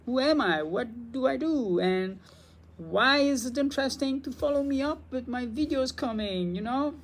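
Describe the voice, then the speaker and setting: A Belgian man, a native Dutch speaker with a Belgian Dutch accent, talks casually to camera as a spiritual teacher, excitable and rambling. His voice is high-pitched and gravelly.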